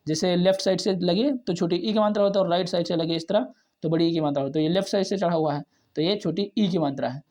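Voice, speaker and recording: A man teaching a basic reading lesson, sounding out each syllable and repeating words several times in a slow, patient way. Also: high-pitched, a little mellow.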